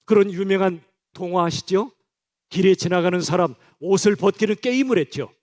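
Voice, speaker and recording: Male pastor, higher-pitched voice, preaching to his congregation in a direct, chatty way. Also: a little fast, a little mellow. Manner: direct, conversational address to the congregation. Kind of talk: sermon. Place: church.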